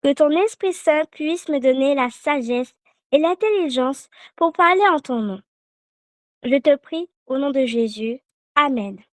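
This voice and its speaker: A woman delivering a sermon in a high voice at an unhurried, deliberate pace. She speaks in a measured way and leads call-and-response repetition. The sound is dry and close. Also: lively intonation, dry recording. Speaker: preacher giving a children's meditation.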